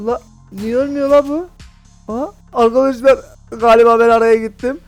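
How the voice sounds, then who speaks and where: A man giving excitable, jokey commentary as a gaming YouTuber, talking to his viewers. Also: extremely high pitch, normal speed, faint music behind.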